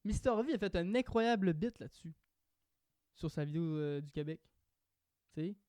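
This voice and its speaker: A young man with a Québécois French accent, chatting on a podcast in an animated way and swearing casually. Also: fairly high pitch, normal speed, dry recording, studio quality. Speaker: podcast host.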